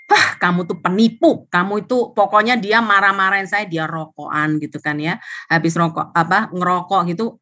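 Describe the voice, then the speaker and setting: A middle-aged woman from Indonesia, an insurance agent telling her experiences in a lively motivational talk that mixes in English phrases. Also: low voice. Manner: animated, acts out quoted dialogue, drops in English phrases. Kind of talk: motivational storytelling on a live stream.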